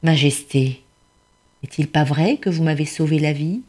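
A woman's voice: low voice, normal speed, a little mellow, slightly rough. A woman voicing a poor, grateful male woodcutter who speaks earnestly and deferentially in a storybook tale. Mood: tender. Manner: earnest and deferential, addressing a tigress as royalty.

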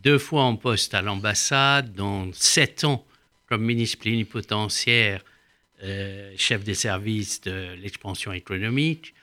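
A man's voice: on the low side, slow pace, pushed and bright. An older man, a former diplomat, explaining at length in a radio interview, hesitating often with "euh".

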